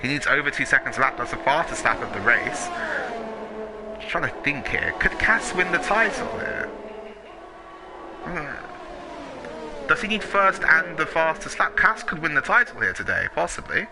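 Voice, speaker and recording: A man's voice: fairly high pitch, big pitch swings, moderate pace, long pauses. A man working as a motorsport commentator, calling a sim race live, play-by-play. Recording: clearly noisy, engine sound behind the voice. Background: racing car engines from the game.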